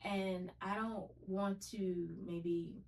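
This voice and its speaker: A woman's voice: medium pitch, steady tone, drawn-out words, a little hiss or hum. Earnest, reflective woman, slightly distant. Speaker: podcast guest. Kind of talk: casual chat.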